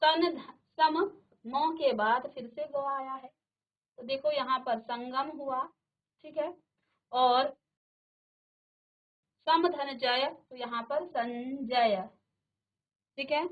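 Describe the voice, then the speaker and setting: A woman's voice: high-pitched, slow, pauses often, narrow, tinny audio. A middle-aged woman teaching a classroom grammar lesson, explaining patiently and checking in with her students as she repeats each point. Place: virtual classroom studio.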